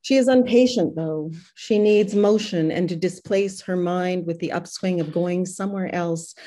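Older woman with a low, mellow reading voice. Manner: calm, unhurried prose-poem reading. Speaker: poet reading her work. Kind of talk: poetry reading. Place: home room with posters and books. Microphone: video call.

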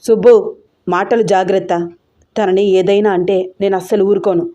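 A woman voicing a lovesick, insistent young man who speaks in a lowered, pressing voice in an audio story. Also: normal speed, mellow, dull audio, lightly acted. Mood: brooding.

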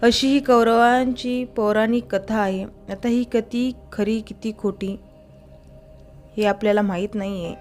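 A woman's voice: fairly high pitch, steady tone, a little slow, darkish tone. Woman narrating a story over faint music. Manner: conversational, with small slips and self-corrections.

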